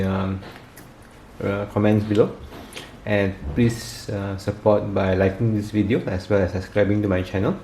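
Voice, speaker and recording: A man talks his viewers through a home kitchen demo in an easygoing, rambling way, full of ums and likes. His voice sits a little low and sounds mellow. The kitchen around him is echoey. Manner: relaxed, chatty, with many fillers. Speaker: home cook reviewing kitchen gadgets. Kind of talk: casual demo vlog. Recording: echoey kitchen with faint background noise.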